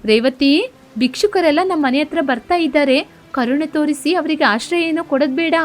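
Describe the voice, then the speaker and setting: A woman's voice: sits high, normal speed, faint music behind, lightly acted. A woman voicing a spoiled, cruel rich young wife who talks in a sneering, haughty way in a cartoon story. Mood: scornful.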